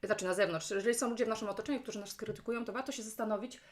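Speaking rapid-fire at medium pitch, a woman with a chesty cough chats casually to viewers on a live stream from indoors at home. She's a business coach and speaker hosting the stream, and she's chatty, often addressing viewers directly and repeatedly checking in with questions.

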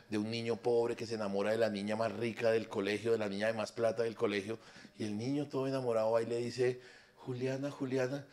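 Colombian stand-up comic telling stories on stage, crude and lively, lowish voice. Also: male voice. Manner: crude, swearing, lively storyteller. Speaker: stand-up comedian. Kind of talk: improvised stand-up storytelling. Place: comedy stage at a live show.

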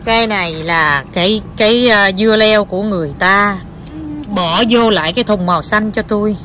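A mother chatting with her small child in a home vlog, animated and coaxing, with English words mixed into her talk. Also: mid-range voice, normal speed, slight background noise. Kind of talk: casual home vlog chat.

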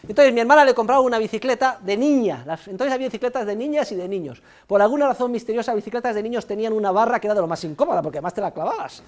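Middle-aged Spanish male professor, animated classroom lecturer who repeats key points and calls out chatty students. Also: sits high, very fast, few pauses. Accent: Spanish from Spain. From Spain. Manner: lively, repeats key points, tags phrases with "¿eh?", scolds students directly. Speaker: economics professor. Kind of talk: university lecture. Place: university classroom.

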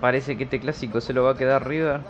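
A man's voice: mid-range voice, steady tone, fast talker. A man with an Argentine accent giving casual, colloquial football commentary on a video game he is playing, cheering on his players. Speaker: YouTube gamer commentating his own match. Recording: dull lo-fi audio with loud noise.

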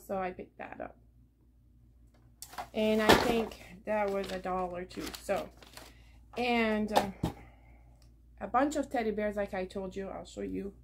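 Background noise fills this indoor clip of a middle-aged vlogger chatting to a camera on a nearby table. In her living room, she rambles about her thrift and yard sale finds with lots of fillers, speaking at a medium pitch.

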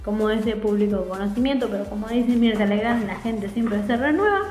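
A woman in her forties with an Argentine Spanish accent, telling her story to camera in a casual, animated vlog from a small room at home. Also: a little high, echoey room, rough recording. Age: 40s. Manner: animated, chatty, gestures a lot with her hands. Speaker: vlogger.

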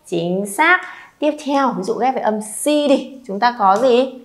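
Woman, language teacher, high-pitched, encouraging, repeats syllables for the class. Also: animated, a little slow. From Vietnam. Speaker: Chinese teacher. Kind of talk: classroom pronunciation lesson.

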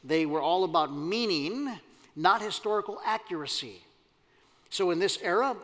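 Higher-voiced pastor preaching in a reverberant church. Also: male voice, fairly bright tone. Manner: conversational, asks the congregation questions. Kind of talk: sermon. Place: church sanctuary. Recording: long hall reverb.

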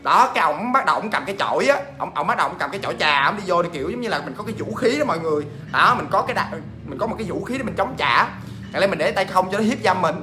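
Fast, bright-voiced male ghost storyteller. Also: sits high, faint music behind. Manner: animated, chatty, addresses listeners directly. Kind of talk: casual ghost story telling.

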